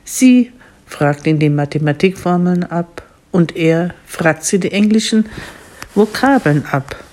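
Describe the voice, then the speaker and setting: A woman reading a children's story aloud, gentle and warm. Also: on the low side, lively intonation, a little slow.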